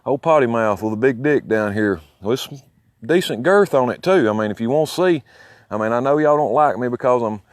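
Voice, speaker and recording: Here a Southern Alabama man, a CB radio hobbyist from the southern US, rambles outdoors near his home for a video he's filming himself, sounding boastful, folksy and foul-mouthed. His mid-range voice is expressive and a little fast. The sound is clean, like a studio, with no room sound.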